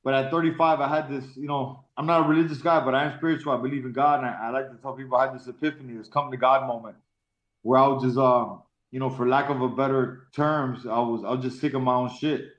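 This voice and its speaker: A man in his forties from Miami, a professional fighter telling his life story in an interview, in a casual, halting way with many repeated words. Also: mid-range voice, steady tone. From Miami, Florida. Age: 40s. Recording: roomy, dull lo-fi sound.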